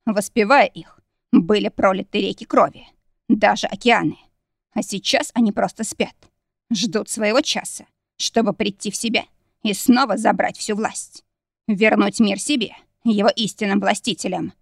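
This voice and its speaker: A woman narrator voicing a sinister ancient spirit that has taken over a male demon prince, speaking slowly with quiet mockery. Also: medium pitch, steady tone, vocal fry, no echo, studio quality. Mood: mocking.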